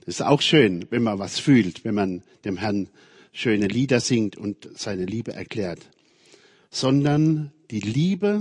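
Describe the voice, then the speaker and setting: A man preaching a sermon, moving between loud emphatic passages and very soft, quiet phrases. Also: fairly low pitch, breathy edge, no room sound, studio quality. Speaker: preacher, member of a religious community.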